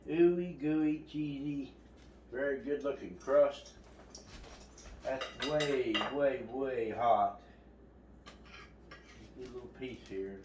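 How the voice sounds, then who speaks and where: In a casual cooking vlog filmed in his home kitchen, a man talks to his viewers in a folksy, rambling way. His mid-range voice is slow and pauses often, heard from a distant mic in an echoey room with a noisy background.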